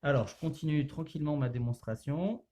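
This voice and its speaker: Chatty French man, slightly high voice. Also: fairly quick, slight background noise. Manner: relaxed, chatty, many hesitations. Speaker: youth center activity leader. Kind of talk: casual tutorial demonstration.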